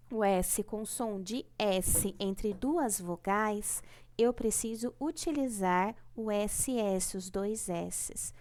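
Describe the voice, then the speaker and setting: A woman's voice: fairly high pitch, a little mellow. A woman teaching a primary class remotely with a Brazilian Portuguese accent, patient and repetitive, stretching out key words and checking in often.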